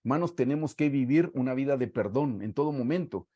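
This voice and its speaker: A man with a Guatemalan Spanish accent preaching a sermon, reading scripture aloud and stressing words slowly for emphasis. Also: mid-range voice, lively intonation, dark tone, no room sound, highs cut off. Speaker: pastor.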